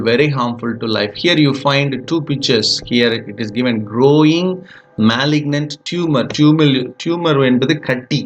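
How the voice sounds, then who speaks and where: A man with a Tamil accent teaching English vocabulary, repeating each word slowly to show how it is said. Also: medium pitch, lo-fi sound. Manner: slow, repeats words for pronunciation, mixes Tamil and English. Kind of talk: vocabulary lesson.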